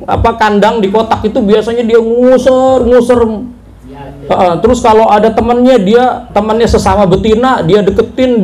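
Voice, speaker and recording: A man's voice: sits high, darkish tone. A man giving a patient, step-by-step lecture to farmers on livestock breeding, often turning to his listeners directly. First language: not Javanese. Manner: patient, addresses listeners as "Pak", spells out points step by step.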